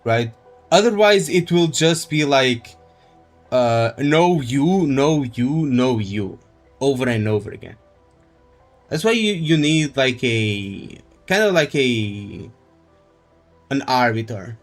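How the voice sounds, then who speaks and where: A man with a mid-range voice speaks slowly but animatedly in casual livestream chat about a game. He shares his opinions, repeating phrases as he explains his points, over faint music.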